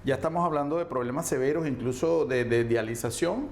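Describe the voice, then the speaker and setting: Casting: male interviewer, mid-pitched, conversational, heard in a roomy space with slight noise. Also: a little fast, darkish tone. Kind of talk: conversational interview, brief backchannels and questions. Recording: roomy echo, faint background noise.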